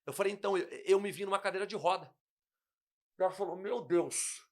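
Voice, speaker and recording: High-voiced man telling his testimony. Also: a little fast. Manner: emotional storytelling, acts out dialogue. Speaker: guest pastor. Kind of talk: personal testimony in casual conversation.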